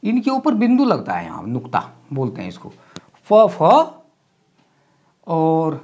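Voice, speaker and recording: Male grammar teacher, animated up-and-down delivery, repeats each example word, dull lo-fi sound. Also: a little high. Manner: explains slowly with repeated example words. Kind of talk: Hindi grammar lecture. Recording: dull lo-fi classroom recording.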